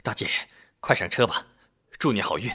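A man voicing a blunt, loud middle-aged street bike repairman who scoffs and talks bluntly in a storytelling recording. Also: mid-range voice, big pitch swings, normal speed, slightly rough, full character voice. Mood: earnest.

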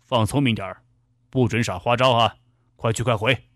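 A man voicing a menacing male robber who speaks low, cold and threatening. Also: animated, normal speed, no echo, studio quality, lightly acted. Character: menacing dark-faced male robber with knife.

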